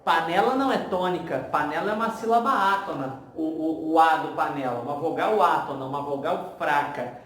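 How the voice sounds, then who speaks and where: A man's voice: high voice, fairly bright tone. A man with a Brazilian Portuguese accent teaching a grammar lesson for exam prep. He explains step by step and keeps checking in with the students. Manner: explanatory, repeats "tá?" to check understanding. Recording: very echoey room, faint ambient noise.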